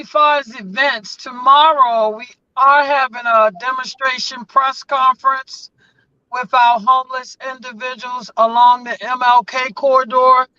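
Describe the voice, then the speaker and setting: A woman talks with a bright, forceful edge, building her points in an emphatic, rallying rhythm. Her voice is close and dry. The sound is dull and lo-fi. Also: sits high, dry recording. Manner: emphatic, rallying, preacher-like cadence. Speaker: guest community advocate. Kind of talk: casual live conversation.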